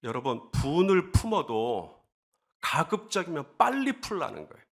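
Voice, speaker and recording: A man preaching a sermon as pastor, animated, acting out grumbling voices and then dropping to a soft, confiding tone. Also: fairly high pitch, normal speed.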